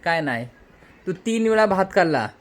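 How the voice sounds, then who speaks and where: Man gently coaxing a toddler. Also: sits high, very animated, normal speed, noisy background. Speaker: father and vlog host. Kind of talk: casual home vlog chat with his small daughter.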